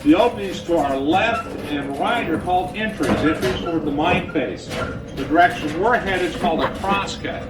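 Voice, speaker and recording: A man guiding visitors through an underground mine, his voice played over the tour train's loudspeakers, explaining plainly and patiently with a few filler words. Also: normal speed, loud music behind the voice. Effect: voice played over a train car's loudspeakers. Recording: distant, noisy speaker sound with vehicle rumble.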